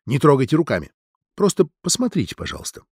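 A man's voice: a little high, very animated, quick pace, darkish tone, breathy edge, no room sound. A man voicing a composed, stern male doctor who speaks in a dry, official tone. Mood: calm, dry.

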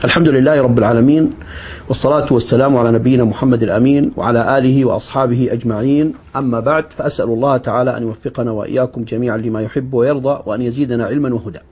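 A man, a scholar, teaching Quran exegesis in a measured, didactic religious lecture, drawing out his phrases. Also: mid-range voice, fairly even intonation, slightly rough. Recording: dull lo-fi recording.

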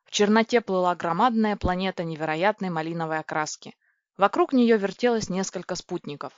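A woman reading a first-person storybook aloud in a lively, excitable, girlish way. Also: fairly low pitch, a little fast, dry recording. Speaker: audiobook narrator. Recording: dry, dull lo-fi recording.

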